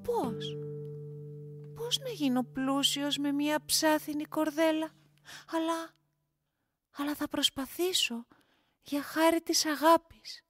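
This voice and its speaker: A woman's voice: sits high, long pauses, dry recording, voice pushed up, close to an everyday voice. Woman voicing a poor lovestruck young lad, earnest, eager, fairy-tale telling, guitar behind.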